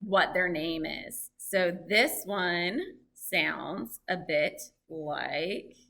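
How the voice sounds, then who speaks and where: Woman, bright voice, lively, chatty, interactive family lesson. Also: fairly low pitch, extremely slow, vocal fry. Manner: lively, chatty, exclaims and asks the audience questions. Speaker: library program presenter on birds.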